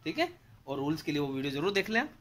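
Bright-voiced man teaching physics. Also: a little high, fast talker, slight background noise. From India. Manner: animated, asks rhetorical questions and answers them. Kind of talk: whiteboard lesson. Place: indoors at a whiteboard.

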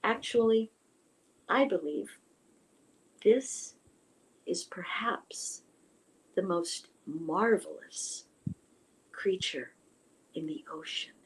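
A woman's voice: high-pitched, takes it slowly, slight background noise, poor audio. A woman voicing a timid little male fish who speaks meekly and hesitantly. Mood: hushed. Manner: meek, hesitant, hushed.

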